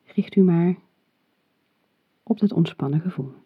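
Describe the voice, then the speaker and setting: Breathy, very slow relaxation guide, phone-like sound. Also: medium pitch. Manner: calm, soothing, measured instruction. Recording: muffled phone-like audio, roomy echo.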